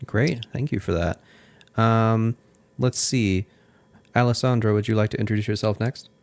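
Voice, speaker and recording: A man with a very deep voice hosts a radio interview, putting measured, friendly questions to his guests. The sound is close and dry, with no room around it. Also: dry recording. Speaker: radio host.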